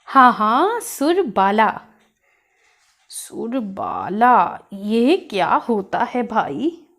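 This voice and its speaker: A bumbling young man full of puzzled, stumbling questions, put on by a woman. The voice sits high and swoops up and down. Every word is drawn out very slowly, with a playful whine. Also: very animated, fairly bright tone, exaggerated voice. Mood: puzzled, pleading. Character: bumbling young man, cheerful, weak at Hindi.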